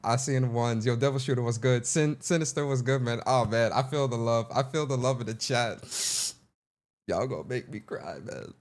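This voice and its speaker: A young man hosts a casual livestream and talks straight to his chat. He is playful and animated, loud and high when teasing, low and quiet in his asides. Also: fairly quick, few pauses. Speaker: livestream host.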